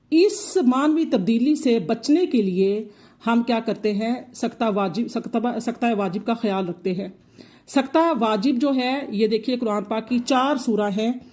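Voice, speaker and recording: Female recitation teacher, higher-pitched, patient and repetitive delivery. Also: a little mellow. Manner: patient, repeats points slowly. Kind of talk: explanatory tajweed lesson.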